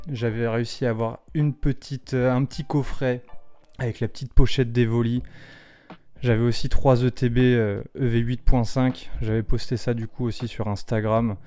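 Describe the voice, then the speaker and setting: Man, 30s, casual card-opening vlogger, excitable and loud at big pulls, faint music underneath. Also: mid-range voice. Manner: excitable, exclaims loudly over cards. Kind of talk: casual vlog commentary.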